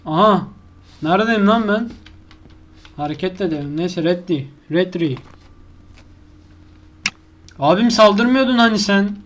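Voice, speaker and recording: A man's voice: sits high, lively intonation, slow pace, long pauses, a bit bright. A man giving live horror gameplay commentary as a YouTuber. He swears constantly, yelps when scared and argues with the game's monster. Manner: crude, swears a lot, talks to the game's monster.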